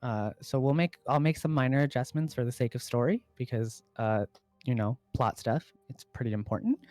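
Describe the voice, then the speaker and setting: A man running a tabletop game as game master, narrating in a relaxed way with lots of fillers. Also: medium pitch, normal speed, no echo, faint music behind.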